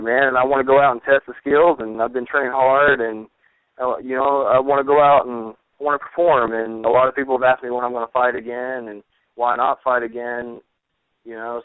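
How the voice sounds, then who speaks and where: Phone-line man in his twenties, halting, earnest. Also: medium pitch, clear, resonant tone, dry recording. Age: 20s. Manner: earnest, halting, repeats words and leans on "you know". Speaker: MMA fighter and coach. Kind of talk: casual pre-fight interview. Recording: thin, phone-like radio or phone line.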